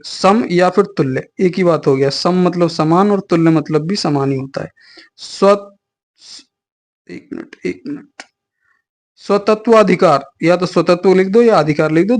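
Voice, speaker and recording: A man with a fairly high, darkish voice teaches an online exam class at a measured pace. His explanations are patient and casual, peppered with small fillers and friendly asides to his students.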